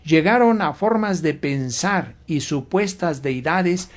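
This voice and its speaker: A man giving a measured, lecturing talk as a guest on a religious radio program. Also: on the high side, lively intonation.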